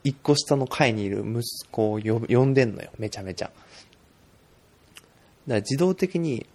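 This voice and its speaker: Man, gravelly husky voice, lively storytelling podcast co-host. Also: moderate pace. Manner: storytelling, acts out quoted voices in a high pitch. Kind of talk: casual chat.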